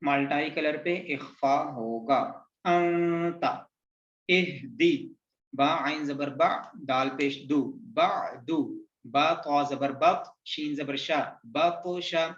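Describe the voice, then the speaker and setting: A man's voice: on the high side, takes it slowly, a bit bright. A man teaching Quran reading, patiently drilling syllables one by one in a lesson. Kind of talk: slow recitation lesson, spelling out letter sounds. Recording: roomy, dull lo-fi sound.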